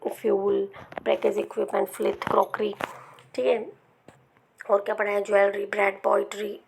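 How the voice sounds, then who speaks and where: A woman teaching English grammar to exam students, explaining patiently and checking in often, sometimes dropping to a soft murmur. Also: mid-range voice, completely flat delivery, moderate pace, gravelly, slight background noise. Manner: explains patiently with many repeated "ठीक है" checks. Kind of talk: Hindi-language grammar lesson with slides.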